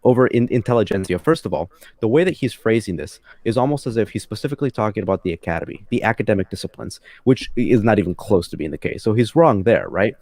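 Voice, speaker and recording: A male guest arguing his case in a measured, lecturing way, leaning on rhetorical questions. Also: on the low side, animated, darkish tone, dry recording. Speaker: guest debater. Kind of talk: argumentative discussion.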